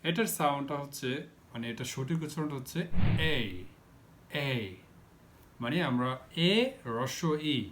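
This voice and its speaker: A man teaching the English alphabet to children, explaining each letter slowly and repeating words, with a Bangladeshi Bengali accent. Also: mid-range voice, background noise. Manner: slow, repetitive, step-by-step explaining.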